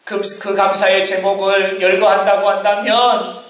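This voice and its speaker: A man preaching a sermon as pastor, often shouting and drawing out his words. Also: high voice, monotone, a little slow. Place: church sanctuary. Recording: echoey church hall from far off. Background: congregation.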